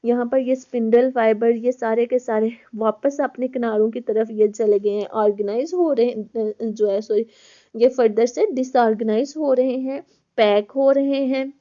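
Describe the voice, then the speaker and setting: A woman's voice: a little high, steady tone, moderate pace, warm tone, muffled recording. A woman, a college biology lecturer, explains step by step in a recorded class, repeating words and calling her students children.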